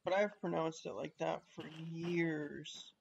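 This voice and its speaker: Male streamer, unhurried drawl, thinks out loud and chats with his viewers; slightly muffled lo-fi mic. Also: on the high side, steady tone, gravelly. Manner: thinks aloud, chats with viewers between pauses. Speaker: livestreamer playing a train simulator. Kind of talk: casual live gameplay chat. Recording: dull lo-fi stream audio with faint noise.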